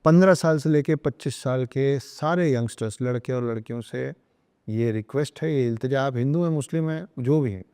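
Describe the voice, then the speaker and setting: A man's voice: medium pitch, a little fast, mellow, clear, resonant tone, in a large hall. A man speaking as a podcast guest, emphatic and lecturing, repeating himself for stress and slipping into English phrases. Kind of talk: earnest podcast talk on spirituality and parenting.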